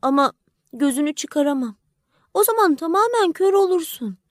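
A woman's voice: sits high, animated, normal speed, dry recording, studio quality, voice pushed up. A woman voicing a small, tender-hearted swallow in an audiobook, speaking in an earnest, pleading way. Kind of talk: audiobook character voice.

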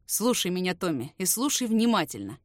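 A woman voicing a ruthless man who speaks in an even, dry, indifferent voice. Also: on the low side, brisk, dry recording. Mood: cold.

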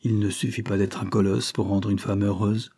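A man's voice: on the low side, moderate pace, breathy edge. Man voicing a blunt, fatherly police officer. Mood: paternal. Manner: calm and paternal.

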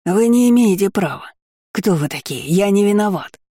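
A man doing a shrill sobbing shopkeeper. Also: normal speed, darkish tone, no echo, clean studio sound, natural voice. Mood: panicked. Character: hysterical pleading male shopkeeper caught lying.

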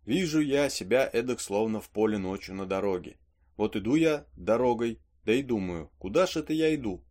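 A man's voice: fairly low pitch, lively intonation, a little fast, darkish tone, close to an everyday voice. A man voicing a rambling superstitious peasant servant. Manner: chatty folksy storytelling with asides. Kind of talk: audiobook reading of a play.

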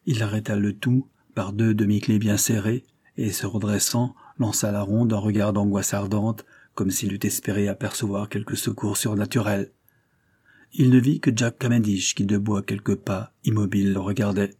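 A man narrating an adventure novel in a steady, measured storytelling voice. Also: on the low side, breathy edge. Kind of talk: scripted audiobook narration.

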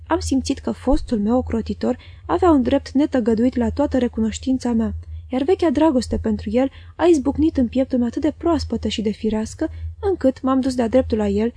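A woman reading a novel aloud in measured, even-paced literary narration. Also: fairly high pitch, breathy edge, dry recording. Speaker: audiobook reader.

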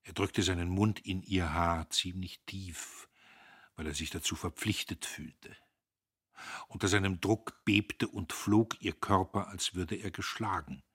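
A man narrating a novel as an audiobook in a measured, expressive way. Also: low voice, husky.

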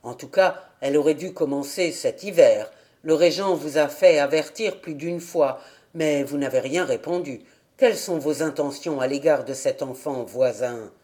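Measured, persuasive village pastor in a storybook reading; a narrator does him, calm and earnest. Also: mid-range voice, natural voice. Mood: firm. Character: earnest village pastor, middle-aged man. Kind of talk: audiobook character reading.

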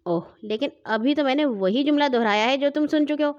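A woman's voice: high-pitched, darkish tone, highs cut off, pitched above the performer's own voice, lightly acted. A woman voicing a cross, bossy older sister who keeps getting interrupted while telling a bedtime story. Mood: soothing. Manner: exasperated, scolding.

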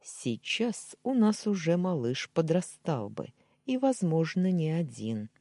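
A reader voicing a calm, possessive, domineering man in an audiobook, in a husky, soft-spoken way. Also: medium pitch, slow, no room sound, voice pushed up. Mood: insistent. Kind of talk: audiobook dialogue reading.

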